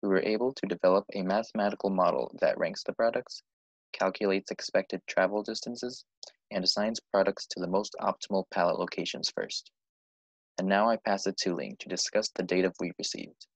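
Male student presenter, husky low voice, measured explanations of a team project. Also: steady tone, no echo, rough recording.

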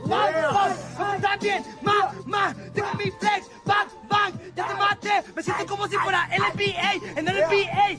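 Cocky chanting Mexican rapper. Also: male voice, very high voice, little pitch movement, a little slow, few pauses, loud music behind the voice. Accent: Mexican Spanish. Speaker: battle rapper. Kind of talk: freestyle rap battle. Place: outdoor park at night before a crowd. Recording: loud crowd and beat at an outdoor battle.

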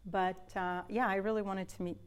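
A Brazilian woman in her thirties, guesting in a dark television studio, tells stories in a chatty, easy way and laughs often, recorded on a lapel mic. Her mid-range voice is clear and resonant, with little pitch movement and a moderate pace.

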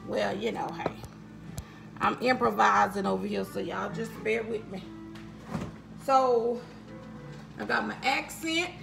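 In her echoey home kitchen with background music playing, a cooking vlogger chats casually and folksily with viewers, addressing them as y'all, captured by a counter camera she shifts around. She speaks at medium pitch and a measured pace, with vocal fry and frequent pauses.

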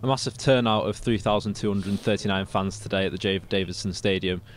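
Brisk low-voiced man asking interview questions. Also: fairly even intonation. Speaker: club media interviewer. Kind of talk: post-match interview questions.

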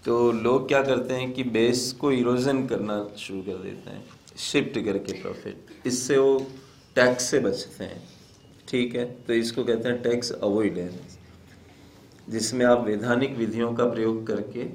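A man's voice: medium pitch, steady tone, unhurried, a little mellow, slight background noise. Conversational male teacher in echoey room. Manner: conversational, repeats key points, mixes in English terms. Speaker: exam-prep teacher. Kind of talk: casual Hindi lecture on exam preparation.

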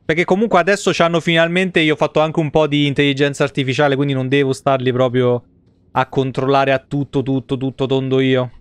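Recorded dry, a man in his thirties speaks briskly in a clear, resonant mid-range voice with little pitch movement. He comments on a game live from a small home streaming setup with game music in the background, casual, slangy, crude and swearing freely.

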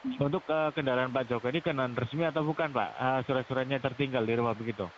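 A man speaks quickly over a phone line that sounds dull and lo-fi, with a faint hiss underneath. His manner is formal and officious but pushy, and he keeps tagging his sentences with "ya". He sounds like a self-declared officer pressing someone on a call. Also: medium pitch. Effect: heard over a phone line. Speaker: caller posing as a police officer.

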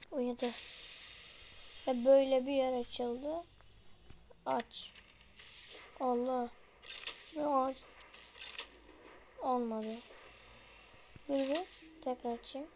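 A woman's voice: sits high, steady tone, very slow, long pauses, a little mellow, slight background noise. A young woman chatting her way through a horror game, slangy and prone to panicky outbursts. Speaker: gameplay streamer. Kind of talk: casual horror game commentary.

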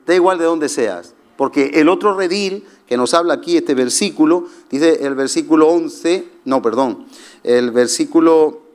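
A middle-aged man preaching a sermon as pastor, telling jokey stories with shouted asides. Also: a little high.

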